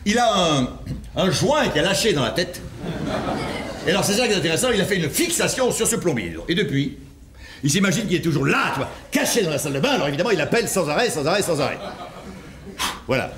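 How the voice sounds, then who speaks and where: A man's voice: fairly high pitch, expressive, fast talker, crowd noise, natural voice. A man playing a jilted former partner in an amateur audio drama, rambling and stammering with nervous laughs. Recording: roomy amateur recording with noise.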